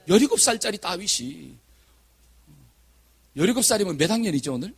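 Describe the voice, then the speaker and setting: Animated, husky-voiced male pastor. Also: sits high, brisk. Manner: animated storytelling with questions to the congregation. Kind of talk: sermon.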